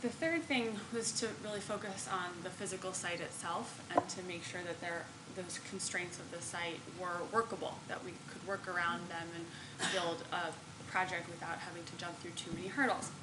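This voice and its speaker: A hoarse woman with a raspy, breaking voice gives a formal presentation as a project manager at a meeting. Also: on the low side, steady tone, moderate pace. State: losing her voice, hoarse, cutting in and out. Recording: echoey meeting room with clear noise.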